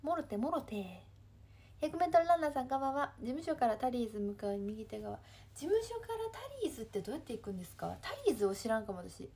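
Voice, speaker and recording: Woman, Kansai accent, twenties, livestream host, reads comments, laughs a lot, slightly high, husky. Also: sing-song, rapid-fire, mellow. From Kansai, Japan. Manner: chatty, laughs often, reads comments aloud and answers them. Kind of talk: casual livestream chat reading viewer comments.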